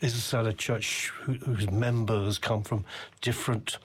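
A man's voice: fairly low pitch, steady tone, a little slow, slight background noise. An older man interviewing a guest, asking long, reflective questions full of restarts. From United Kingdom. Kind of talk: conversational interview.

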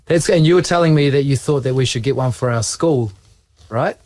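New male teacher at a school, gently prompting students, dry close sound. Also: mid-range voice, brisk, no echo. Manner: patient, encouraging questions. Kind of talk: interviewing students.

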